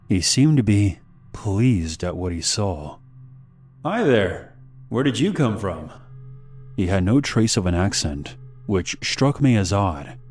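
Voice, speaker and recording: A man narrating a horror story in a measured, steady storytelling manner. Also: sits low.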